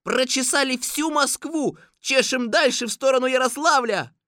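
A woman's voice: high-pitched, normal speed, a bit bright, no echo, studio quality, voice pushed up. A woman voicing a cheerful, bumbling male detective helper in an audiobook, reporting heartily. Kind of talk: audiobook character voice.

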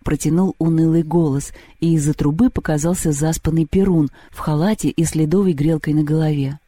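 A man reads a storybook aloud at a measured, even pace. His voice is mellow and a bit high for a man, recorded close and completely dry. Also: dry recording. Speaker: audiobook narrator. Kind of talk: storybook narration.

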